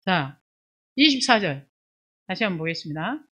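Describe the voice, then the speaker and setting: A woman pastor preaching an expository sermon. She reads scripture aloud in a raised, emphatic voice, then explains it in a lower conversational tone full of rhetorical questions. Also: very animated, moderate pace, a bit bright, breathy edge.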